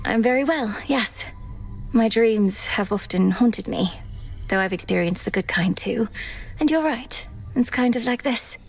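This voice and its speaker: A woman voicing a young witch princess in a video game, gentle but determined, with measured, formal and careful diction. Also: fairly high pitch, expressive, low-quality recording. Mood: shy, wistful. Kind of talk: dramatic video game voice acting. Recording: music behind the voice.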